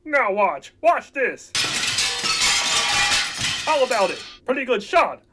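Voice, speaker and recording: A man voicing an eager, earnest young frog puppet in a comedic radio play, rambling and excitable, halting mid-thought. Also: very high voice, very noisy, full character voice. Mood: eager, dreamy. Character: earnest, eager young male frog puppet playing a small-town dreamer.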